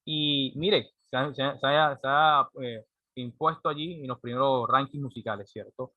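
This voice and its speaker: A man's voice: medium pitch, fairly even intonation, normal speed, no room sound, phone-quality sound. A man, giving a classroom lecture and often checking in with a rhetorical "right?". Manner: explanatory, frequent rhetorical "¿cierto?" checks. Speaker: teacher.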